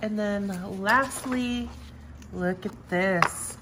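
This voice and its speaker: A woman's voice: mid-range voice, very slow, noisy background. A woman showing off new craft stamps in a casual, gushing way, repeating how much she loves each one. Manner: gushing, enthusiastic, repeats "I love" and "so cute". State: has the hiccups. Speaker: crafting vlogger. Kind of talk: casual show-and-tell of stamps.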